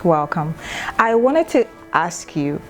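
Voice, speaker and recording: Lower-voiced woman TV host. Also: sing-song, takes it slowly, faint music behind. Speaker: show host. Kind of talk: TV interview hosting.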